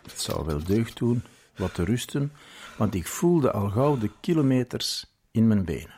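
A man reading a story aloud in a measured, scripted narration. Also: fairly low pitch, very animated, warm tone, a little hiss or hum.

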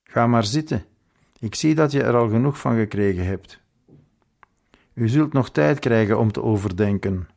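A man's voice: mid-range voice, moderate pace, creaky, long pauses, darkish tone, lightly acted. A man doing a bullying army major. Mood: snapping. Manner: barking, accusing interrogation. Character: stern, bullying male communist army major.

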